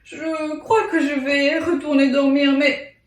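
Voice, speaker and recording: A woman's voice: sits high, flat delivery, takes it slowly. A woman voicing a sleepy, self-pitying male crocodile in a children's tale for toddlers, groaning and complaining hesitantly. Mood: drowsy, miserable. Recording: echoey room, distant from mic.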